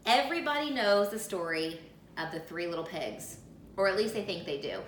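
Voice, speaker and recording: A woman's voice: medium pitch, lively intonation, moderate pace, lightly acted. A woman with an American accent voicing a chatty, indignant male wolf who pleads innocence in a storybook read-aloud. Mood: chatty, self-justifying. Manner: folksy, indignant, self-justifying. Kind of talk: animated first-person storybook read-aloud. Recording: roomy echo with faint noise.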